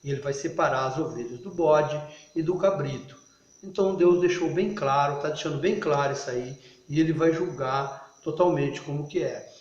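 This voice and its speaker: A man giving an informal video sermon, halting and restarting often, then rising into loud, emphatic bursts. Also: on the high side. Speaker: lay preacher. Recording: echoey, muffled recording.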